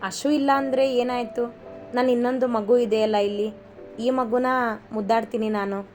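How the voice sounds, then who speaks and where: A woman voicing a young husband who is tender and teasing. He speaks quickly and coaxingly in a storybook reading. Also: on the high side, steady tone, a little mellow, soft background music, natural voice.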